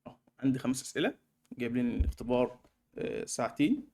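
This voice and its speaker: A young man with an Egyptian Arabic accent walking through a screen-recorded software tutorial in a fast, chatty way, with many fillers. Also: mid-range voice, sing-song, creaky. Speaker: online course tutor.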